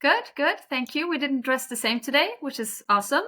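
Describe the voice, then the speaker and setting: A Norwegian woman with a Norwegian accent hosts a casual podcast, chatty, friendly, and quick to joke. Her voice is high-pitched and bright, with lively intonation and a forceful tone.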